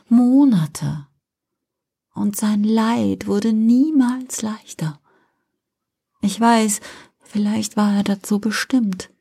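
A woman voicing a young blinded female angel, pleading and tearful in a higher, rising whisper, in a whispered role-play. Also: dark tone, breathy edge.

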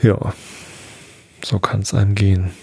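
A man hosting a podcast, reading a fairy tale in a calm, unhurried way. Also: on the low side, vocal fry, breathy edge, dry recording. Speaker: podcast host and storyteller.

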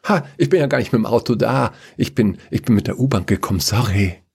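A man's voice: medium pitch, animated, moderate pace, a little mellow, pitched above the performer's own voice, close to an everyday voice. A man voicing a clumsy, scatterbrained male figure of Chaos who stammers and apologizes in a rush. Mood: flustered.

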